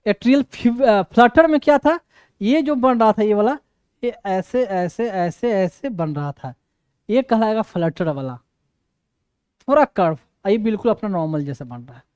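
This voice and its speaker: A man's voice: high voice, expressive, normal speed, a little mellow, smooth, no room sound, studio quality. A man lecturing on medicine, repeating his points for emphasis and often checking that students follow. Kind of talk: classroom explanation.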